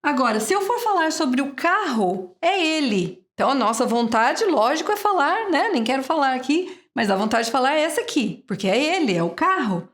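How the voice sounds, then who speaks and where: A woman teaching an English lesson from Brazil, patient and slow, repeating each sound many times. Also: high-pitched, big pitch swings.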